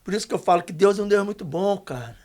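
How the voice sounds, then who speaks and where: An older man, a podcast guest telling a testimony story, emphatic and slangy, going hushed when quoting others. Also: high-pitched, lively intonation, quick pace, slight background noise. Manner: emphatic, slangy, dips to a hushed voice for quoted lines.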